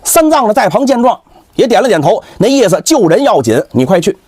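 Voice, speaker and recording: Lively high-voiced guy telling an old folk tale, husky, dry close sound. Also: fairly quick, no echo. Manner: dramatic, animated, with vivid sound words. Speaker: storyteller. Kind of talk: traditional Chinese storytelling (pingshu).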